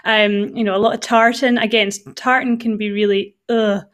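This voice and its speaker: A woman with a Highland Scottish accent hosting a casual interview, chatting and thinking aloud as she goes. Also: flat delivery, moderate pace. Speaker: interviewer, host.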